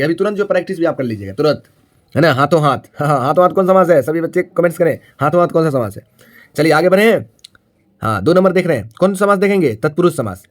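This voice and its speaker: A male Hindi grammar teacher giving a classroom-style video lesson. He keeps asking questions, answers them himself, and adds tag questions to check that students follow. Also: a little high. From Bihar, India.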